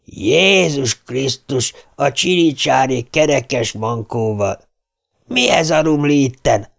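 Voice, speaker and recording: A man reading an audiobook, voicing a gruff older man with a whisky-rasped voice. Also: medium pitch, expressive, a bit bright, pitched above the performer's own voice. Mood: exasperated. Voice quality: raspy.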